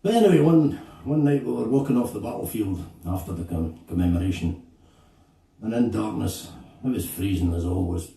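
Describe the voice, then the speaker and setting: A Scottish man, a singer-songwriter, telling a story between songs at a live gig in a slow, halting, reflective way. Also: fairly low pitch, expressive, gravelly, warm tone. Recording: echoey room, distant mic, guitar behind.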